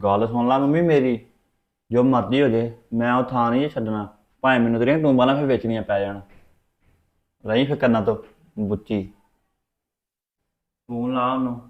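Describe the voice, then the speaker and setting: A man's voice: mid-range voice, natural voice. Man playing a blunt, stubborn Punjabi son. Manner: blunt and insistent. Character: stubborn young adult son, suspicious of his mother. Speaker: grown son in a family drama. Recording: dull lo-fi sound.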